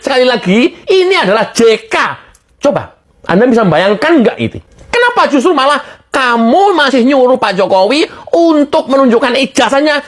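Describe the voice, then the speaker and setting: A woman giving heated political commentary, firing rhetorical questions and laughing mockingly. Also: sits high.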